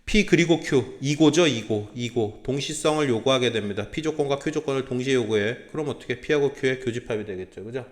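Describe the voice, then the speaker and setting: A man's voice: medium pitch, moderate pace, few pauses. A man lecturing a small class as a math tutor, checking in with students through constant tag questions and throwing in blunt slangy asides.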